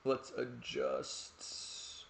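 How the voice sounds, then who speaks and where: A young male game streamer talks casually on a live stream from his home room at night, rambling, mocking himself, and swearing freely between fights. His voice is extremely low and extremely slow, with vocal fry and big swings in pitch. The room sounds roomy and echoey, with a little hiss or hum.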